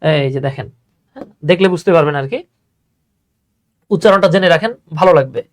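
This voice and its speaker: A man's voice: fairly high pitch, brisk. Chatty man teaching English. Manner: chatty, repeats "হ্যাঁ", mixes English terms into Bengali. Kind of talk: online class lecture.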